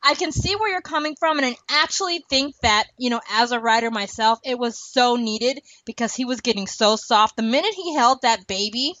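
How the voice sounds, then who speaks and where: A woman co-hosts a casual fan podcast about a TV show, her talk animated, playful and slangy. Her voice is on the high side, at a moderate pace with hardly any pauses, and the sound is lo-fi with no echo.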